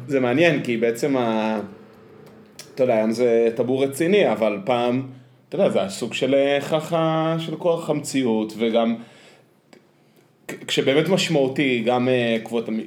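A man with an Israeli accent in casual conversation, halting and reflective as he searches for his words. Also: mid-range voice, a little mellow. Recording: echoey, roomy sound.

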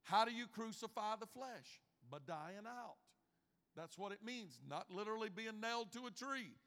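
A pastor in his fifties delivers a sermon in a church sanctuary, his notably high voice sinking to a near hush and then rising to emphatic shouts. He's animated and speaks at normal speed, and his words ring out with a long reverb tail from the hall.

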